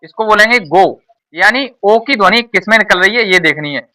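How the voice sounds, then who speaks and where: A man's voice: high voice, expressive, fairly quick, pushed and bright, far from the mic. A man teaching an exam-prep lesson to a class, repeating each point and quizzing the pupils. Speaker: tuition teacher.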